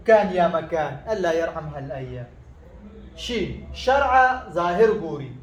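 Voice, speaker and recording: A man whose first language is Pashto teaches a relaxed spoken lesson, often pausing and restarting his sentences. His voice sits fairly high for a man. The recording sounds echoey, as if made in a bare room. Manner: halting, many fillers and restarts.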